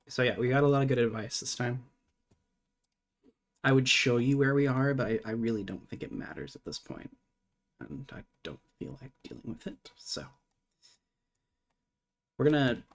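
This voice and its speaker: A man streaming live while programming, thinking aloud in a casual, muttering way and swearing now and then. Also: medium pitch.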